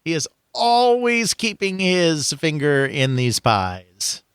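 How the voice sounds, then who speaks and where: A man's voice: a little high, sing-song, slow pace, fairly bright tone, smooth, no room sound, clean studio sound. A man co-hosting a podcast, adding commentary and wry jokes to the news. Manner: wry, joking asides. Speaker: podcast co-host. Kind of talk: conversational commentary.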